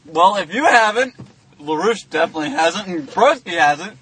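Bright-voiced young man telling crude stories. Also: high voice, lively intonation, normal speed, breathy edge, rough recording. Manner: laughing, rambling storyteller. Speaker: podcast co-host. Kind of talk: crude casual chat among friends.

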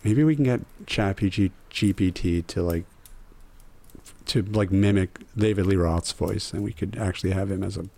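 A man's voice: sits low, moderate pace, vocal fry, dark tone. A man hosting a podcast, bantering casually with rambling jokes and laughter. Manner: joking, rambling with frequent laughs. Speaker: podcast host.

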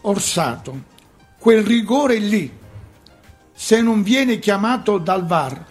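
A man's voice: high-pitched, animated, slow, soft background music. A man in a heated TV sports debate, speaking as a football pundit who insists on his point and repeats phrases emphatically.

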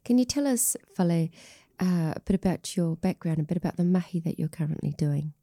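A woman hosting an interview, speaking gently and softly, with a falling tone. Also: on the low side, lively intonation, fairly quick. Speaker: host.

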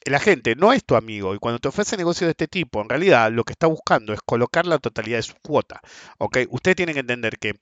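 A man's voice: medium pitch, fast, no room sound. Chatty Rioplatense man telling trading stories. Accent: Rioplatense Spanish. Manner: colloquial, animated, acts out quoted dialogue. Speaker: bond trader sharing experience. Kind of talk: casual explanatory talk with anecdotes. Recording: dull dry close recording.

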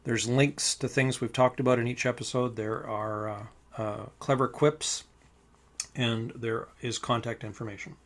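Guy cohosting a podcast, gravelly voice, chatty and amused, reads out listener emails. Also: medium pitch, steady tone, measured pace. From Canada. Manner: chatty, amused, restarts phrases often. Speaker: podcast co-host. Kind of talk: casual podcast chat, reading listener mail.

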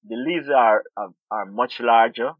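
Unhurried and mid-range in voice, a middle-aged Guyanese interview guest talks about farming. He's an urban farmer and food activist who speaks thoughtfully, often repeating words while he searches for them. The line is tinny and phone-like, with no echo.

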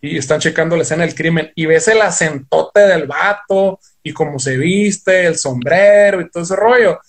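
High-voiced Sonoran guy, slangy rambling. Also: moderate pace. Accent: northern Mexican (Sonora). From Sonora, Mexico. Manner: heavy slang and swearing, rambling storytelling. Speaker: podcast guest, guitarist. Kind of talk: casual podcast chat.

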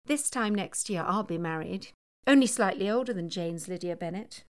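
Woman reader voicing a poised young lady, cool and provocative, measured. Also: mid-range voice, lively intonation, lightly acted. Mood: coolly teasing. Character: poised, teasing upper-class young woman.

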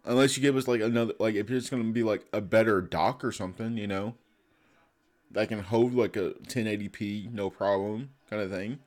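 Male host, lowish voice, informal gaming talk, leans heavily on "like" as a filler. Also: brisk, a little mellow. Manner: says "like" and "I'm like" very often. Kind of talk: casual chat about gaming news.

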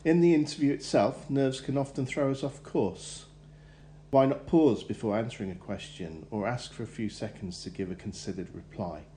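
A man reading a measured, instructive careers advice segment for a podcast. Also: medium pitch, dark tone, slight background noise. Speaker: careers adviser.

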